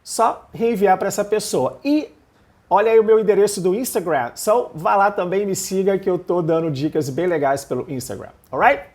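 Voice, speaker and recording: A man's voice: sits high, moderate pace, darkish tone. A man with a Brazilian Portuguese accent teaching an online English lesson, explaining step by step and often checking in with the learner.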